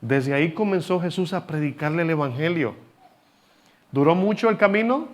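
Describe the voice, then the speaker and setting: A man delivers a sermon in a somewhat high-pitched voice. He teaches from scripture, tosses rhetorical questions at his listeners and has the congregation repeat words back to him. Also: animated, normal speed. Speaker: preacher.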